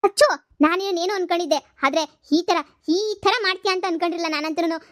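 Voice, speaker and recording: A woman's voice: extremely high pitch, steady tone, fast talker. A woman voicing a sulky, vain young wife from a village who has started college, whining and snapping in a cartoon comedy. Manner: whiny, sulking, sharp-tongued.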